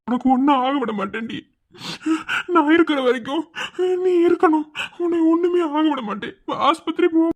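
A woman's voice: sits high, normal speed, lightly acted. Woman voicing a desperate young Madurai lover. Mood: pleading. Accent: Madurai Tamil. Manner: pleading, protective. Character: young man Selva, devoted anxious lover. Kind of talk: cartoon voice acting. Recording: dull lo-fi recording.

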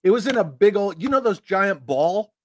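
A man's voice: high voice, expressive, normal speed, dry recording, clean studio sound. A man chatting casually on a stream, easygoing and joking, sometimes hesitant. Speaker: co-host, toy channel guest. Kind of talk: casual chat.

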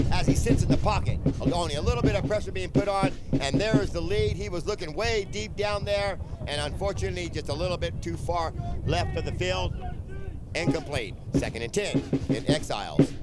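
A man giving live play-by-play American football commentary in an emphatic way, repeating his phrases. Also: high voice. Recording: outdoor field with loud crowd behind. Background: crowd and outdoor field noise.

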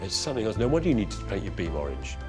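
Wry, animated male documentary presenter. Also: on the low side, racing. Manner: wry, enthusiastic, theatrical exclamations. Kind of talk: documentary narration and on-site interviews. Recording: music bed under narration.

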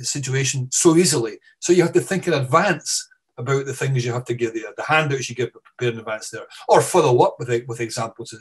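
A man's voice: on the high side, husky. A man with a Scottish accent, a professor giving an online seminar talk over a video call, thinking aloud with frequent restarts and repeated words. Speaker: guest speaker, professor.

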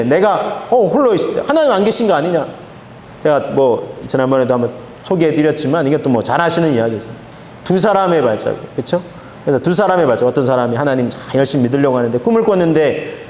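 A man preaching a sermon as pastor, emphatic and lively, acting out the lines he quotes. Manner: emphatic, acts out quoted speech with swings in pitch. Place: church sanctuary. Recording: echoey church hall with faint noise.

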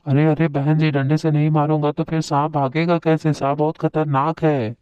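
A man's voice: fairly high pitch, level tone, normal speed, clean tone, no echo, muffled recording, close to an everyday voice. A man voicing a bold neighbour in a doll-play story, assertive and protective. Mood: insistent.

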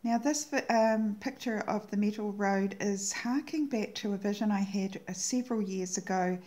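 Mellow-voiced woman sharing a devotional message. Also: medium pitch. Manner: earnest and reverent, slows down to savor quoted words. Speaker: channel host sharing prophetic words.

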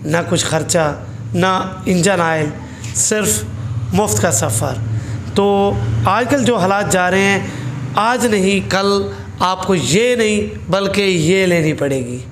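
A man's voice: sits high, slight background noise. A man, talking to camera in a casual motorcycle vlog, earnest and complaining, full of rhetorical questions. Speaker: motorcycle vlogger. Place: small indoor room with a parked motorcycle. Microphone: fixed camera a few feet away.

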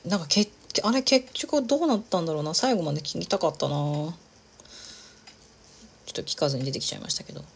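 A woman's voice: low voice, lively intonation, quick pace, gravelly, husky. A woman chatting casually on a livestream while she crafts, rambling from thought to thought, laughing often and reading out viewer comments.

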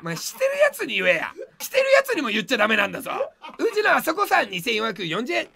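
A man streaming live, snapping back at viewer comments with rough, slangy, mock-furious retorts and frequent laughter. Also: very high-pitched, huge pitch swings, fast talker. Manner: shouts rough, slangy retorts, tacking "you" onto every line; laughs through his rants.

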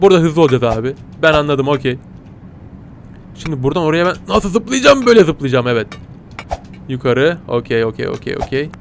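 Excitable man narrating a game. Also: fairly high pitch, a little hiss or hum. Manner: excitable, yelps and squeals at surprises, talks to viewers as "kitties". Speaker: gaming channel host. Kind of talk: playful let's-play commentary.

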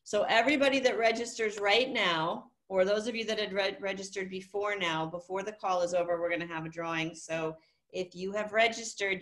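A woman's voice: fairly low pitch, a bit bright. A woman hosting a virtual office meeting, upbeat and directive as she rallies the attendees over a video call. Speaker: meeting host.

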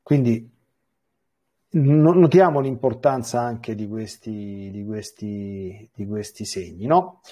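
Brief: male priest, warm dark husky tone, teaching scripture with animated readings and repeated restarts. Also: on the low side, slow pace. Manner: repeats words and restarts phrases. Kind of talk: biblical catechesis with scripture reading.

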